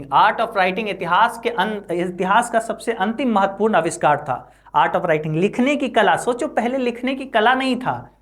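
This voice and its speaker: Woman English teacher, chatty line-by-line explainer, slow read-outs, frequent tag checks to students. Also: medium pitch. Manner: constant "है ना" and "ठीक है" tag checks; reads English lines slowly, then explains.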